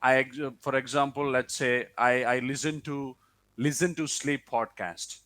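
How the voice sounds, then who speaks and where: A man's voice: mid-range voice, fairly even intonation, unhurried, fairly bright tone. Hesitant non-native man answering questions. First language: not English. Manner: hesitant, with restarts. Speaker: interviewee, English learner. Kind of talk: casual interview, answering questions.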